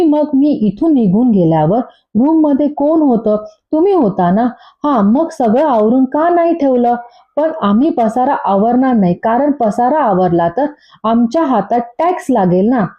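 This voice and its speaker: A woman reading a sarcastic bickering young wife. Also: a little high. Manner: indignant, sarcastic retorts. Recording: dull lo-fi recording.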